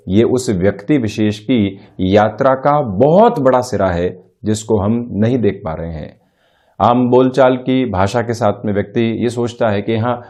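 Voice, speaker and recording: A middle-aged male astrologer giving a spiritual self-help talk in a measured, formal way, mixing in English terms. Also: mid-range voice, darkish tone.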